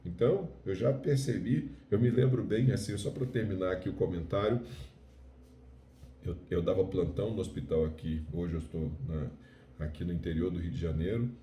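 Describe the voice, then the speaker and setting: A man with a Brazilian Portuguese accent teaching Spanish in a video lesson, explaining slowly and checking in with "ok?". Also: sits low, mellow, reverberant, distant mic, slight background noise.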